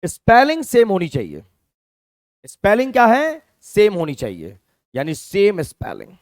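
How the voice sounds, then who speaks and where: A man's voice: high voice, wildly swooping pitch, a little slow, no echo, clean studio sound. A man teaching a vocabulary class with a Hindi accent, explaining step by step and checking in with his students. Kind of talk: classroom lecture.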